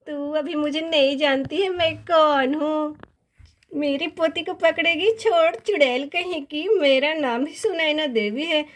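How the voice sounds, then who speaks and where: A woman doing a fierce scolding grandmother. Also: sits high. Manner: bold scolding, threatening. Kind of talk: doll story voice acting.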